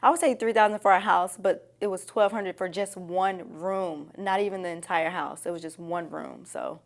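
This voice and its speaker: A woman's voice: lowish voice, steady tone, normal speed. A woman giving candid, conversational answers as an interviewee. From Nashville, Tennessee.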